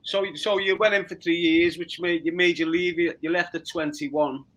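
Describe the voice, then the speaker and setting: A man in his forties with a Liverpool accent, interviewing a guest with halting, repeated words. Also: on the high side, fairly even intonation, a bit bright. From Liverpool, England. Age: 40s. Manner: repeats words, stumbles into questions. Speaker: podcast interviewer. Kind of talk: casual interview.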